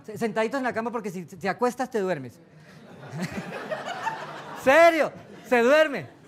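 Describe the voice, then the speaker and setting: A man leading a guided meditation workshop, talking slowly and soothingly and joking with the audience. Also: sits high. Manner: slow, soothing, with playful jokes to a live audience. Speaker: meditation instructor.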